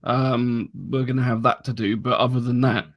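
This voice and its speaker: A man's voice: mid-range voice, steady tone, moderate pace. A man joining a casual gaming podcast, explaining things in a hesitant way with frequent ums. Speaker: podcast guest.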